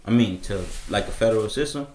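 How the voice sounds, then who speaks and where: Low voiced dude rambling on a podcast, lots of uh and like, roomy sound. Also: male voice, fast. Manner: relaxed storytelling with many fillers. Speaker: podcast co-host. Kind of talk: casual chat.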